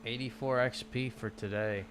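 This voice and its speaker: A language-learning vlogger chats casually on a livestream while doing lessons, his mid-range voice steady and moderately paced. He thinks aloud, restarting often.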